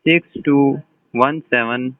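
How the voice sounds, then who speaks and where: A man, heard over a tinny, dry phone line. He speaks slowly and hesitantly, often stopping to ask what is meant. His voice sits in the middle range. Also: medium pitch, fairly even intonation, no echo. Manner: slow, hesitant, keeps asking questions. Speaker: bank customer receiving a call.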